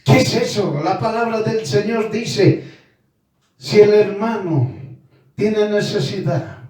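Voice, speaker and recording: A man's voice: high-pitched, slow pace, darkish tone. A man preaching a sermon emphatically, repeating commands and asking rhetorical questions. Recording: very echoey hall, voice far from mic.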